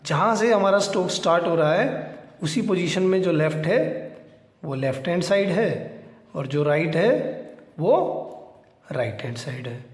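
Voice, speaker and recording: A man teaches a shorthand lesson in a high voice, posing questions and answering them himself, and saying the key points twice. The room is roomy, and a long reverb trails behind his words. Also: expressive, measured pace, long pauses. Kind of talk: classroom lesson, Hindi mixed with English.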